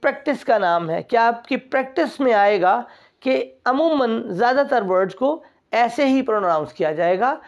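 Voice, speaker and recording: A woman teaching English pronunciation who drills each word slowly and asks her own questions before answering them. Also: on the high side, animated. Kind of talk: recorded vowel pronunciation lesson. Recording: dull lo-fi recording.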